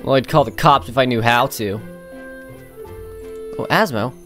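Male gaming commentator, casual and sarcastic, prone to loud mock-outraged bursts, music underneath. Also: medium pitch, measured pace. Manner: sarcastic, mocking running commentary with sudden loud outbursts.

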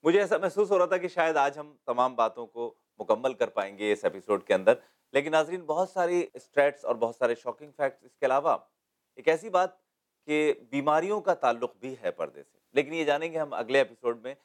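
A man's voice: mid-range voice, lively intonation. Man hosting a formal TV interview. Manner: measured, formal, poses long questions. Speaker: TV interview host. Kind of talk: studio TV interview questions.

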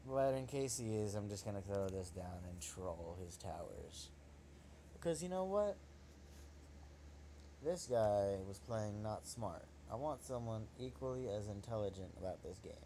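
A man's voice: on the low side, slight background noise. Trash-talking young man commentating gameplay. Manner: trash-talking, excitable, swears at opponent. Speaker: gaming channel host.

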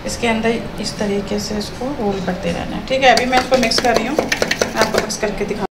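A woman with a voice on the high side chats casually with her viewers while cooking a recipe in her home kitchen, dropping in English words here and there. She talks a little fast with fairly even intonation in this casual cooking vlog narration. The room sounds echoey, with clear household noise.

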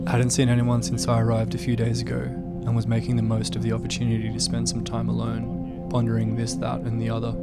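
A young man narrating his solo hiking trip in a calm, easygoing, understated voice-over. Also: mid-range voice, a little fast, gravelly, hardly any pauses. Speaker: vlogger. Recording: voice-over with loud background music.

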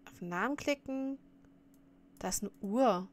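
A woman's voice: a little high, unhurried. A woman streamer chatting casually while reacting to a clip, often laughing and scolding her viewers.

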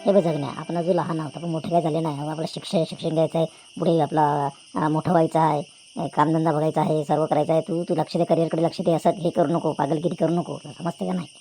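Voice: medium pitch, level tone, fast, dark tone, faint music behind, close to an everyday voice. A voice actor playing a firm schoolgirl who scolds and lectures a classmate in a cartoon. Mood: lecturing. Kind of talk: cartoon voice acting.

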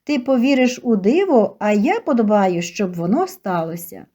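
A woman voicing a kind, gentle young male writer in an audiobook story, speaking softly and warmly. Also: medium pitch, sing-song, normal speed. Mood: tender.

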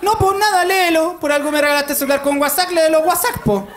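Man putting on a high, nagging mom. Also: quick pace. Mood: insistent. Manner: insistent, repeating herself. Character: pushy older mother nagging her son. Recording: live club with crowd noise.

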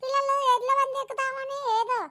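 A woman in a village comedy skit, calling out loudly and ordering the children about. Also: very high voice, level tone, fast. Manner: loud, calling out, bossy with the kids.

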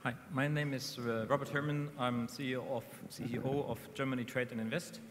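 A man, an agency chief executive, introducing himself haltingly with many fillers. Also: mid-range voice, steady tone, noisy background. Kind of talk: panel self-introduction. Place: conference hall stage, seated. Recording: hall reverb.

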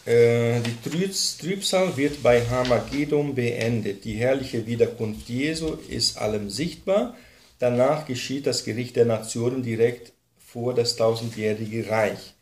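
A man teaches a Bible class in an echoey room. He explains step by step and keeps checking in with "ne?". His voice sits at a middle pitch. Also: unhurried, a little mellow, slight background noise. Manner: explains step by step with many fillers and tag questions.

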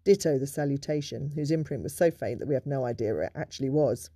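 A man giving a measured, informative narration of local history in a scripted documentary style. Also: mid-range voice, warm tone, breathy edge, no room sound, clean studio sound.

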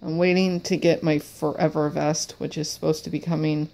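In a cluttered room at home with a wood floor, a woman trains her service dog, sniffling and rambling apologetically with repeated words. Her low voice is gravelly and warm, delivered flatly at a moderate pace.

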